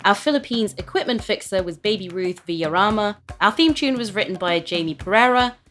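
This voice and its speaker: A woman's voice: mid-range voice, expressive, brisk, a bit bright. A woman co-hosting a podcast and working as its producer, emphatic and enthusiastic when she presents segments. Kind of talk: podcast chat and scripted segments.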